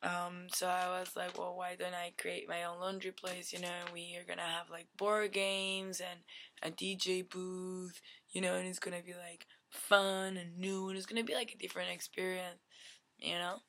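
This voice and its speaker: A woman in her twenties giving a deadpan comic pitch on a webcam in a dim bedroom, rambling with lots of "like" and "you know". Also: normal speed, vocal fry, slight background noise. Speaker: vlogger. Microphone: webcam at desk.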